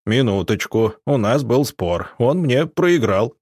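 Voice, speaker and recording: A man's voice: medium pitch, very animated, slow pace, darkish tone, husky, no room sound, clean studio sound, exaggerated voice. Teasing, stubborn young guy, cheeky and jokey; male narrator voices him. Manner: mocking, cheeky.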